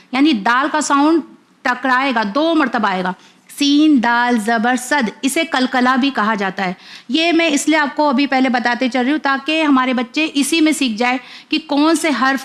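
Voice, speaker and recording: High-voiced woman teaching letters slowly. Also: fairly bright tone. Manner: spells syllables slowly and repeats each twice. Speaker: Quran reading teacher for children. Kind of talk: slow letter-by-letter lesson for kids.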